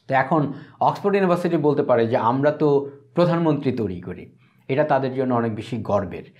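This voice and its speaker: A teacher, a man with a voice of ordinary middle pitch, talks through a text at an unhurried classroom pace. He reads out English phrases slowly, then breaks them down piece by piece. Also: sing-song, a little mellow, lo-fi sound. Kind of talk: Bengali lecture explaining an English text.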